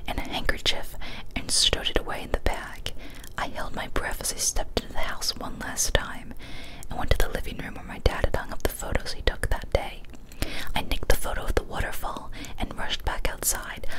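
A young woman, an ASMR channel host, reads a horror story in a breathy, unvoiced whisper, hushed and deliberate, using short phrases with pauses. She sits very close to a large studio microphone in a small, decorated home studio room, though the audio quality is poor.

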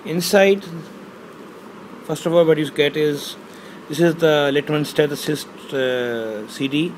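This low-quality recording carries a slight hiss or hum under a man's mid-range voice. He's an Urdu-speaking unboxing reviewer in a small bedroom, holding his phone camera while he hesitantly works through the product and reads the box labels aloud, using lots of fillers.

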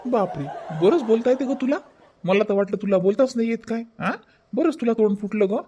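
A man's voice: high-pitched, brisk, dark tone, some chatter behind, a little hiss or hum, close to an everyday voice. A man voicing a teasing, mildly exasperated young husband in a cartoon, with a Vidarbha Marathi accent. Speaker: cartoon dub voice.

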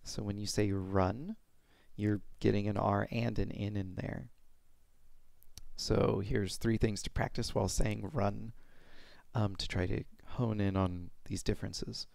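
A young adult man giving an informal, step-by-step pronunciation lesson in a halting way, speaking into a headset mic at home. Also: fairly low pitch, steady tone, vocal fry, darkish tone, dry recording. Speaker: pronunciation teacher. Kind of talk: informal instructional explanation with demonstrated sounds. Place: small room at home.

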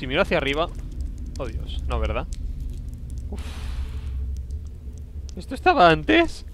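A man's voice: on the high side, huge pitch swings, a little slow, fairly bright tone. Guy playing a horror game, mumbles to himself, gets nervous, noisy hiss behind. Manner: jumpy, nervous, talks to himself. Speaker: gameplay commentator. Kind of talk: casual gameplay commentary.

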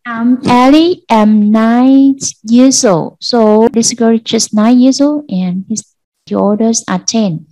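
A Vietnamese-accented woman teaching an English class to children, slow and patient, repeating answers for pupils. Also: on the high side, mellow, dry recording, rough recording. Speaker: primary school English teacher. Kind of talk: online class lesson.

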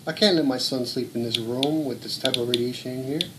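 A man of medium pitch records casual commentary at home, talking a little fast on noisy phone audio. He's earnest and blunt, swearing and speaking up insistently.

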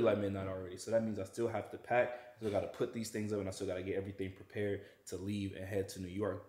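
A man's voice: fairly low pitch, darkish tone. Young man vlogging in an echoey kitchen. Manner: laid-back slangy talk to camera. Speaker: fitness vlogger. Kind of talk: casual cooking vlog. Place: large home kitchen at night.

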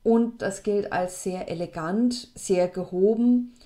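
Chatty teacher woman with a mellow voice. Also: slow pace. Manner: lively, chatty, plays with pitch for emphasis. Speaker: French teacher. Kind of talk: explaining French grammar to students.

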